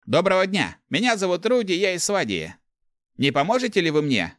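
Man doing a cheeky young thief, high and bold. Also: very animated, a little fast, a bit bright, no echo, studio quality. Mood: eager. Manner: bold, chatty, playful.

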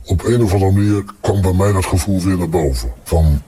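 Anonymous man, voice pitched down deep to hide who he is, dark mellow tone, quiet and confessional. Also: fairly quick, slightly rough. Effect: voice pitch-shifted deep to disguise identity. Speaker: anonymous interviewee in a TV report. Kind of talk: documentary interview excerpt.

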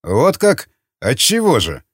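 A man's voice: mid-range voice, huge pitch swings, slow pace, husky, dry recording, studio quality, heavily acted. A man voicing a sly one-eyed male interrogator who mocks and barks his questions. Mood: mocking. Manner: mocking, barking.

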